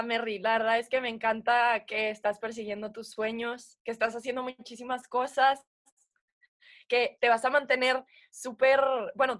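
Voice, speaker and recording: A woman's voice: on the high side, fairly bright tone. A young Mexican woman with a mixed Mexican accent carrying a tinge of American English, chatting as a podcast guest and laughing often. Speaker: guest, sports TV presenter. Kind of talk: casual podcast chat.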